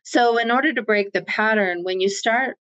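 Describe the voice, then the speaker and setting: A woman's voice: fairly high pitch, normal speed, fairly bright tone, highs cut off. A woman guest who works as a self-empowerment coach, explaining her ideas in an earnest, coaching way during an interview. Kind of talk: conversational interview.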